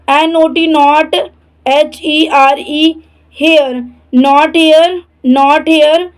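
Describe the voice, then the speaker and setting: A woman teaching English words, spelling each one letter by letter, saying it twice, then giving its Hindi meaning. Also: sits high. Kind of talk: slow spelling drill.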